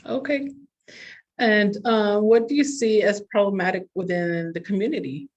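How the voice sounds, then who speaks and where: A woman interviewer who asks unhurried questions and offers brief acknowledgements. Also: mid-range voice, darkish tone, muffled recording.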